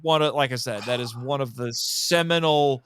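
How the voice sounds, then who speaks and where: As a podcast guest and monster movie expert, a man talks enthusiastically in a casual film discussion, repeating phrases for emphasis. He has a mid-range, fairly bright voice and speaks at a moderate pace.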